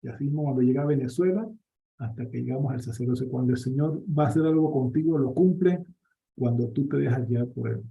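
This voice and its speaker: A priest from Panama, giving a personal faith testimony in a lively storytelling manner, with many restarts. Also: male voice, mid-range voice, quick pace, creaky. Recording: dull lo-fi recording.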